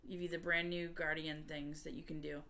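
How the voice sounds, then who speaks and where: Low-pitched woman streaming games, casual and chatty. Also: little pitch movement, brisk, bright, forceful tone. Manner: conversational, explaining game tips to viewers. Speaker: variety gamer and streamer. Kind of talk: casual live game stream chat.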